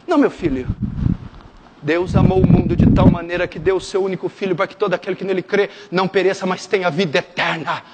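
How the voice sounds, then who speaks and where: A man preaching a sermon as pastor, dropping to hushed tones and rising to shouted fervor. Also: little pitch movement, quick pace, hardly any pauses, a little hiss or hum. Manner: swings from hushed intimate lows to shouted fervent climaxes. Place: church sanctuary. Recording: long hall reverb.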